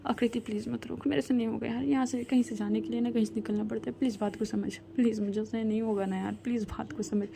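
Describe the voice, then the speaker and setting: A heartbroken young woman in her twenties, tearful and pleading, her voice soft and warm, as a woman narrator takes on her part. She begs again and again, her words dropping almost to a hush. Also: a little high, steady tone, quick pace, creaky, few pauses. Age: 20s. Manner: pleading, repeats please.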